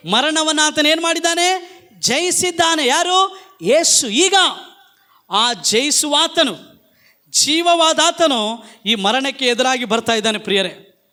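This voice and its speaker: High-pitched, fervent preacher. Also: male voice, expressive, slow, long pauses, sharp tone. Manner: emphatic, calls the congregation to repeat after him. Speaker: pastor. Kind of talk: Pentecostal-style sermon. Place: church service.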